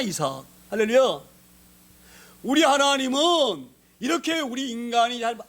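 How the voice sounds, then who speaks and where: A male pastor preaching a sermon in a conversational way, often asking the congregation questions. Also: very high-pitched.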